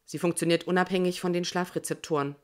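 A woman reading the lines of a calm, neutral onboard AI in an audiobook, even and matter-of-fact. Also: lowish voice, fast talker, lightly acted.

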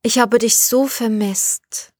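A woman's voice: a little high, no echo, studio quality. A woman doing an eerie, detached radio voice. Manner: slow, calm, oddly detached. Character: eerie radio voice claiming to be lost male cosmonaut.

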